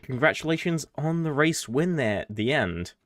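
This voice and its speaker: A man co-hosting a race broadcast and interviewing drivers, hesitant with many pauses and restarts. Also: on the high side, lively intonation, a bit bright, dry recording, clean studio sound. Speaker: co-host and interviewer.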